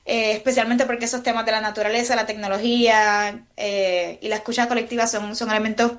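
A woman's voice: on the high side, steady tone, brisk. A woman from Puerto Rico with a Puerto Rican Spanish accent, a guest composer in a radio interview, thoughtful with many fillers and restarts.

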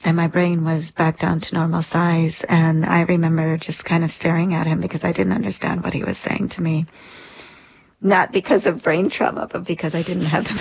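A woman's voice: fairly low pitch, vocal fry, husky. A woman in her thirties, an interview guest, telling a personal story in an earnest, reflective way. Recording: lo-fi dull sound.

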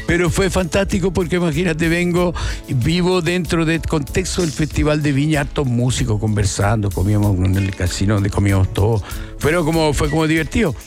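A Chilean musician in his forties, speaking Spanish with a Chilean accent, shares his story in a casual interview, rambling and reflective and often starting over. His voice sits on the high side, a little fast and somewhat mellow, with soft music in the background.

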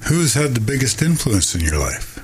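A man's voice: mid-range voice, very animated, normal speed, breathy edge. A man interviewing a candidate with brief, direct questions.

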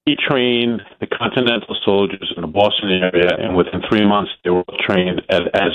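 A man calling in to a radio talk show, telling a rambling story in halting bits while his phone line keeps breaking up. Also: low-pitched, fairly even intonation. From New York. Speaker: caller. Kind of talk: radio call-in chat. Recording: tinny, cutting-out phone call.

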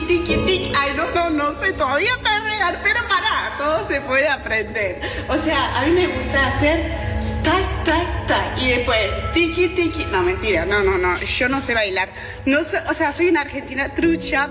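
Bubbly young French-born woman, echoey. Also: high voice. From France. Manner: bubbly, joking, slangy. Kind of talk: playful social media monologue. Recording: echoey room with loud music.

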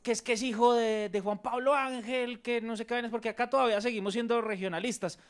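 A Colombian man gives a match report with emphatic, opinionated delivery, hammering his points through repetition. His voice sits very high for a man. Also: fairly even intonation, fast. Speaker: sports reporter.

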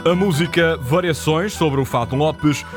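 A man with a European Portuguese accent reading a scripted radio news report in a measured way. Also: fairly high pitch. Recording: voice over guitar music.

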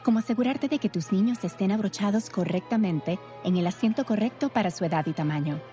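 A woman gives a reassuring public service message at a mid pitch. Music plays clearly under her. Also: quick pace, mellow. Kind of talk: scripted ad narration.

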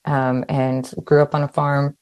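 Very low-voiced chatty woman author. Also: flat delivery, a little mellow, smooth, no room sound. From Hawaii. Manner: quick, chatty, many "like" fillers and restarts. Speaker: author, guest. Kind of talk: casual interview answers.

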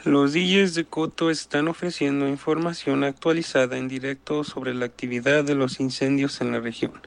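Gravelly male station announcer. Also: medium pitch, little pitch movement, moderate pace. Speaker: radio announcer. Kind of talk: station promo read.

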